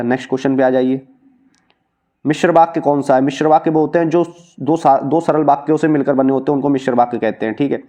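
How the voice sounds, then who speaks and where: A man's voice: mid-range voice, mellow. A young man teaching an exam-prep lesson, working through practice questions, repeating each point and checking in with the students.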